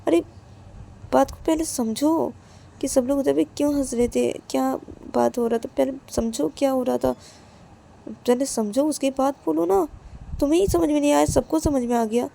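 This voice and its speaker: A woman's voice: high-pitched, normal speed, gravelly, dark tone. A woman voicing Siya, a quarrelsome young wife. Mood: scolding. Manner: scolding, repeats her words. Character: young wife, quick to argue and to apologise. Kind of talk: storytelling with acted dialogue.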